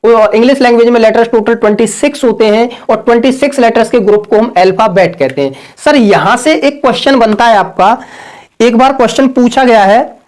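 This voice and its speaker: A man's voice: extremely high pitch, a little fast, darkish tone. A man teaching an online grammar lesson. He repeats every point, drills the same lines, and keeps calling his listeners "sir" and "brother". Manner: over-pronounces the words he is correcting.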